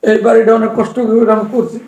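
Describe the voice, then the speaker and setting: A man's voice: high voice, flat delivery, quick pace, a little mellow. An actor playing an old widowed father who pleads with his son not to throw him out. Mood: pleading. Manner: pleading, plaintive. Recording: echoey room.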